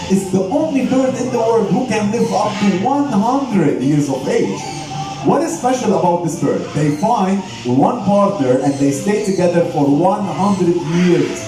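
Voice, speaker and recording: High-voiced male animal show trainer, very echoey. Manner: showman addressing audience with questions and commands. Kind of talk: live bird show presenting to an audience. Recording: very echoey venue, distant, music behind.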